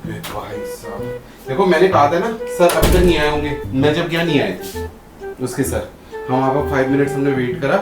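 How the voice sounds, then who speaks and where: Music plays beneath a man's fairly high voice as he argues with his wife at home at a moderate pace, the room echoey. Playing the husband in a staged prank, he keeps asking what happened in a casual domestic row.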